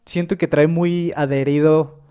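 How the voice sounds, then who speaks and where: Un hombre con acento mexicano, invitado y autor de cuentos, que habla con titubeos y muletillas en una charla casual. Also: male voice, on the high side, fairly even intonation, measured pace, warm tone, clean tone. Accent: Mexican Spanish. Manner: hesitant, thinks aloud with fillers like este and o sea. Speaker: guest, short-story writer. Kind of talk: casual podcast conversation.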